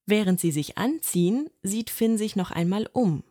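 A woman narrating a children's storybook in a calm, gently expressive reading. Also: mid-range voice, normal speed, no echo, studio quality.

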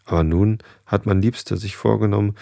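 A man's voice: on the low side, fairly even intonation, brisk, creaky, mellow, no room sound, studio quality. A man reading the lines of a worried goose sister in a children's story, barely changing his own voice. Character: anxious gossiping goose sister.

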